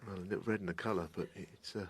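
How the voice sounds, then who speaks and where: A man giving hushed, conversational live snooker commentary in a measured, analytical manner. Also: low-pitched, fairly even intonation, background noise.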